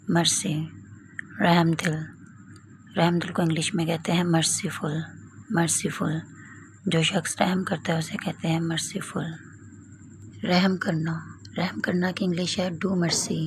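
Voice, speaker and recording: Slow, measured woman teaching vocabulary. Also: fairly low pitch, a little hiss or hum, rough recording. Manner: says each term, then its English twice, deliberately. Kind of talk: slow vocabulary lesson, repeating each word.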